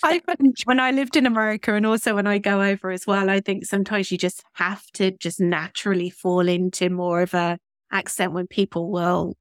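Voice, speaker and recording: A woman's voice: medium pitch, steady tone, moderate pace, no room sound, clean studio sound. A woman hosting an interview podcast, chatty and encouraging toward her guest. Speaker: podcast host.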